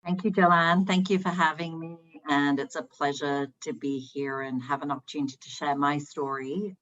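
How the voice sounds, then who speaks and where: A woman from Iran who grew up in the UK, telling her career story on a panel in a halting way with many ums. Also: low voice, steady tone, fairly bright tone, highs cut off. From Iran, raised in the UK. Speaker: panelist, managing partner.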